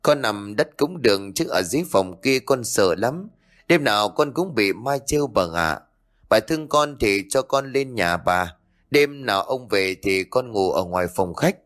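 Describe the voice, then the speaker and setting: A man's voice: lowish voice, lively intonation, normal speed, a bit bright. A man voicing a scared young servant girl begging to be allowed to sleep upstairs. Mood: pleading. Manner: pleading, fearful.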